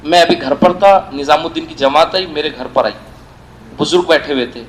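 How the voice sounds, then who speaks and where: A man's voice: a little high, a little hiss or hum, poor audio. A middle-aged man with an Indian Urdu accent, preaching an evening sermon and telling stories with emphatic repetition. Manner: emphatic storytelling, repeats phrases for stress. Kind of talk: evening sermon at a weekly gathering. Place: mosque centre.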